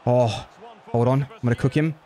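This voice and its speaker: A man giving live commentary on his own football video game match, excitable, jumping from low groans to loud yelps. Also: normal speed. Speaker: gaming YouTuber.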